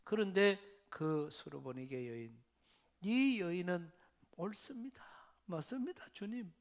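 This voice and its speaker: A man's voice: high voice, measured pace. A male pastor with a Gyeongsang accent preaching a sermon, telling Bible stories and acting out the voices in them. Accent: Gyeongsang dialect. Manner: animated storytelling, acts out biblical voices.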